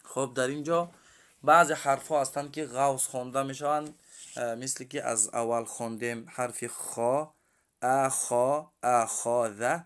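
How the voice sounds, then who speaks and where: A man teaching Quran reading, slowly reciting drilled syllables twice each, then explaining rules quickly and quietly. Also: mid-range voice, fairly even intonation. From Tajikistan.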